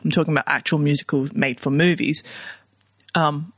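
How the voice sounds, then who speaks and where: A man's voice: fairly high pitch, steady tone, moderate pace, a bit bright, no room sound, clean studio sound. A man co-hosting a casual podcast chat, rambling with many fillers. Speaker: podcast co-host.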